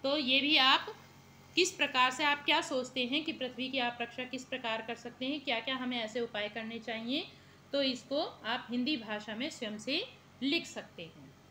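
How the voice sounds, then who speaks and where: Bright, high-voiced woman teaching slowly. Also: slight background noise. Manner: reads word pairs slowly, then explains in quick asides. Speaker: Sanskrit teacher. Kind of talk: classroom lesson explaining vocabulary.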